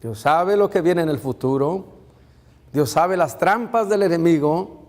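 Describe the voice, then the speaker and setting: A man's voice: fairly high pitch, unhurried, big-room sound. A man, a pastor, preaching a sermon, asking rhetorical questions and calling out to the congregation.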